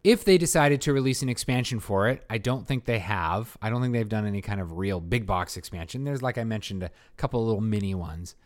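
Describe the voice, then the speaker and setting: A man co-hosting a casual board game podcast, joking and rambling with quick asides. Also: fairly low pitch. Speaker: podcast co-host.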